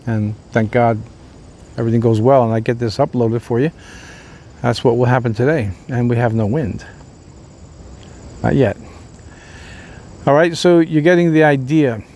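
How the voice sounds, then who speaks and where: Older male pastor, mid-pitched, chatty and rambling, faint outdoor noise. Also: moderate pace, pauses often, darkish tone. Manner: rambling, folksy, many fillers and restarts. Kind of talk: informal devotional talk.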